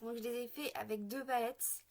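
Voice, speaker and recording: A woman's voice: on the high side, fairly even intonation, moderate pace, darkish tone. A woman chatting through a casual makeup tutorial, hesitant with lots of fillers, a bit sick. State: sick, occasional coughing. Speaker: makeup vlogger.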